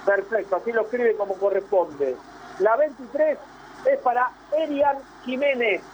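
A man slowly reading out a team's lineup on a live sports radio show. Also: very high-pitched, dull audio, a little hiss or hum. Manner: slow, deliberate listing.

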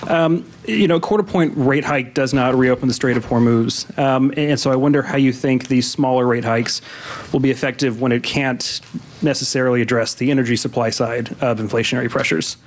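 Hesitant male reporter, mid-pitched. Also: steady tone, fairly quick. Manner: hesitant, polite. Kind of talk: press conference question.

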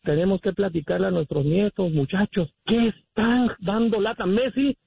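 A Mexican man phones in to a radio show and lectures the hosts with firm opinions. His voice is high and husky, and it comes through a dry, tinny phone line. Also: normal speed. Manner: opinionated, preachy, addresses "muchachos". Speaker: caller. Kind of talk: phone-in rant.

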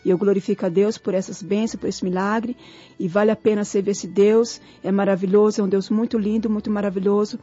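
A woman's voice: mid-range voice, little pitch movement, fairly quick, mellow, breathy edge. A woman giving an earnest, grateful church testimony, repeating her thanks, in a dull lo-fi recording with faint music.

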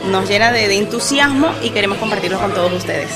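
A woman's voice: medium pitch, fast talker, over music. A Venezuelan woman with a Venezuelan accent, speaking with emotion and enthusiasm in a radio interview. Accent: Venezuelan Spanish.

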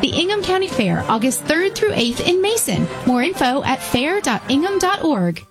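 Bubbly high-voiced woman announcer. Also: sing-song, moderate pace. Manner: cheerful, bouncy. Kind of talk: scripted ad read. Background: music.

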